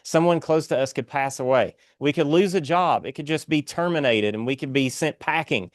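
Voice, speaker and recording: A man's voice: fairly high pitch, moderate pace, dry recording, studio quality. A man with an Appalachian accent speaking as a guest author in an earnest, inspirational interview, exhorting like a preacher.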